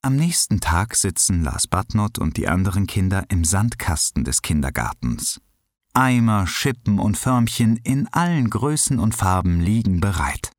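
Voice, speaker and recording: A man reading a children's story aloud in an expressive, unhurried way. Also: no echo, clean studio sound. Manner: expressive, unhurried, lively pitch.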